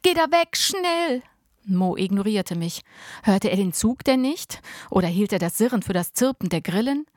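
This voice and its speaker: Woman narrator, first-person audiobook, expressive, close dry sound. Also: medium pitch, moderate pace, no echo. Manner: lively, expressive reading.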